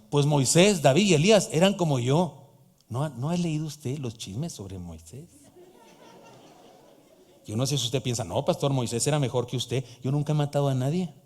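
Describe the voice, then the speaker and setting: Mexican pastor, 50s, somewhat high voice, preaching with jokes, long church reverb. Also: male voice, a little mellow. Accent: Mexican Spanish. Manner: emphatic preacher, joking asides to the congregation. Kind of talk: sermon. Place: church hall.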